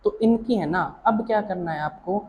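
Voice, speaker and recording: A man's voice: high voice, normal speed, dull audio. A man teaching a shorthand lesson. He explains patiently, repeats himself, keeps checking that students follow, and calls them child or dear. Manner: patient, repetitive, checks in with "theek hai na".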